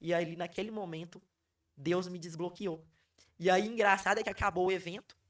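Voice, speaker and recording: A hoarse woman, a podcast guest telling her life story in an emphatic way and repeating phrases for weight. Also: fairly low pitch, steady tone, fairly quick, distant mic. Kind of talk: emotional personal storytelling.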